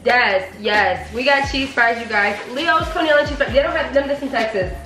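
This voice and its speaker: A young woman hosting a casual eating vlog at home, chatty and slangy, a little hoarse, filmed on a camera on a small tripod. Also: high-pitched, normal speed, sharp tone. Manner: chatty, slangy, addresses viewers as y'all. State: slightly hoarse. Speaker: host. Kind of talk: casual chat while eating. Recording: echoey room with faint music.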